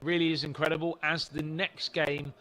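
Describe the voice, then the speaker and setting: Man doing lively play-by-play commentary. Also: on the high side, moderate pace, low-quality recording. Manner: lively, rises on big plays. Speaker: esports commentator. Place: studio, commentating remotely.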